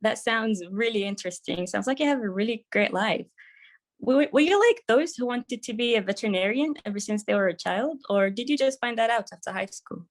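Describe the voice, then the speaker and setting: A woman's voice: on the high side, a little fast. A young woman co-hosting a podcast, reading prepared interview questions in an eager, upbeat way. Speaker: podcast co-host.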